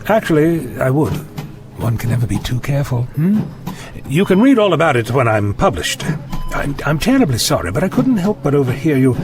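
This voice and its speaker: A man's voice: medium pitch, very animated, a little fast, over music, lightly acted. A man playing an eccentric, evasive time-travelling doctor in an audio drama, with a breezy, insistent manner.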